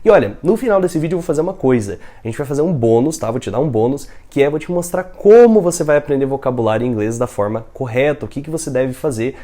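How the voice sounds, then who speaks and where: A young adult man with a Brazilian Portuguese accent, an English teacher giving an upbeat online lesson and modeling English phrases slowly. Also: medium pitch, lively intonation, dark tone.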